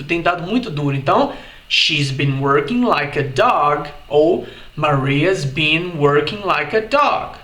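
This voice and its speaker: A man whose first language is Portuguese teaches English, saying each example sentence slowly and then repeating it. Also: fairly high pitch, bright, forceful tone, roomy sound.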